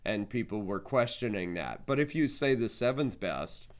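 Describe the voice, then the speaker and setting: Low, smooth-voiced man rambling casually. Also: expressive. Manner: rambling, halting with many fillers. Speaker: pastor, conference leader. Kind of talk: casual video update.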